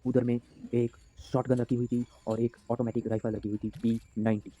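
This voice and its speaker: A man's voice: medium pitch, level tone, normal speed, dark tone, a little hiss or hum. A man narrating his own story casually as a YouTube storyteller, chatty and prone to restarts.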